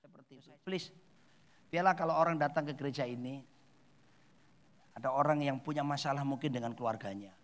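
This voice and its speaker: A male pastor preaching a sermon in a church, shifting between loud exclamations and soft, quiet asides. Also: medium pitch, fairly quick, long pauses. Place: church hall.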